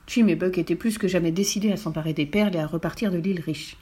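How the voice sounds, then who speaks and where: A woman narrating a children's storybook in a clear, expressive reading voice. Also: lowish voice, fast talker. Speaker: audiobook reader.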